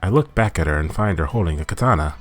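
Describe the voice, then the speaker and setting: A man with a very deep, low voice reads a story game's text aloud in a steady, measured way. Now and then he stumbles and corrects himself, while soft game music plays behind him. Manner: steady, measured reading with small slips. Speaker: gaming channel host.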